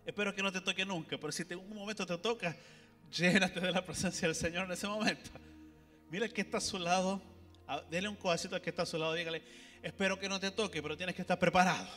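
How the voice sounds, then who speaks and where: A man's voice: sits high, fairly even intonation, fast, fairly bright tone, in a large hall, faint music behind. A man, a pastor preaching animatedly and speaking directly to the congregation. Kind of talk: sermon. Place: church hall.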